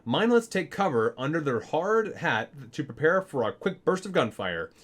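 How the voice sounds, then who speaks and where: A male host reads a game book aloud in an ASMR video, his slightly high, somewhat bright voice moving through big pitch swings. The reading is halting and full of repeats and corrections, interrupted by casual asides.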